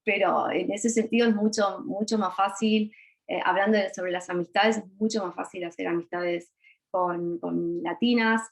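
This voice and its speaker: A woman's voice: mid-range voice, fairly even intonation, normal speed, gravelly, poor audio. Shy Argentine woman on a video call. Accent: Argentine Spanish. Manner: shy, hesitant, many fillers. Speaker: panelist. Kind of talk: virtual panel talk.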